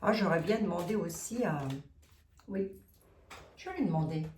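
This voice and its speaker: Recorded from a distance with a roomy sound and a little hiss or hum, this woman has a lowish, slightly mellow voice at normal speed. She is a tarot reader with a Lorraine French accent, chatting casually with her viewers in a teasing, self-mocking way.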